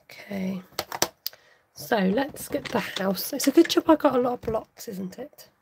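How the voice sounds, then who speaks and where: A woman's voice: on the high side, animated, unhurried, creaky, noisy background. A woman hosting a live craft tutorial, chatting casually to her viewers while she works.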